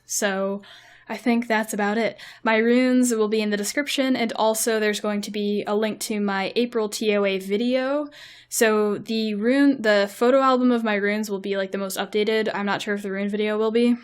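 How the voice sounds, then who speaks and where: A woman's voice: mid-range voice, level tone, normal speed, smooth. A young woman giving casual gameplay commentary and advice, chatty with frequent fillers. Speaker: mobile game video creator.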